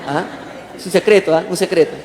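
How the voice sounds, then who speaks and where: A man preaches as pastor, his fairly high voice lively and full of questions thrown to the congregation. He acts out the lines he quotes. The church hall around him is roomy, with a long reverb trailing each phrase. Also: fairly quick, a faint crowd. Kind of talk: sermon.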